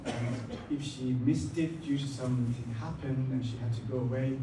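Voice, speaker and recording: A man delivering a eulogy to a gathering, speaking with dignified, measured grief and reverence. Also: medium pitch, little pitch movement. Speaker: son giving a eulogy. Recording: distant, echoey, faint noise, muffled.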